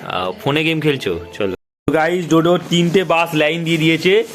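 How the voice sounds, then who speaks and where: Filming a casual family vlog on his phone at home, a man with a fairly high voice talks to viewers at a moderate pace, repeating his questions to coax answers from his family. He's chatty, moving through echoey rooms and around the yard, with crowd noise and faint ambient sound in the background.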